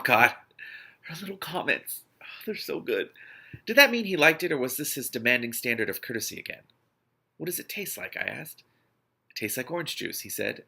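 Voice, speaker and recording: A man hosting an online read-aloud series reads a novel expressively, breaking off into spontaneous amused and exasperated asides. His medium-pitched voice is creaky, bright and forceful.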